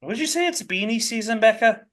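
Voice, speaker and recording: A man co-hosting a casual racing podcast, teasing the others with quick asides. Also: sits high, lively intonation, a bit bright. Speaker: podcast co-host.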